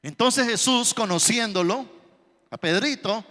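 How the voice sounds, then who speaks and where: Male pastor, dramatic storytelling sermon; high, bright voice with a long church reverb. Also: unhurried. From Colombia.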